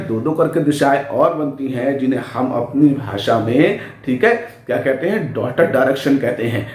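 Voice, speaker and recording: A man's voice: mid-range voice, a little mellow. A man teaching physics in speech at a board, who asks the class questions and answers them himself. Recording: echoey room.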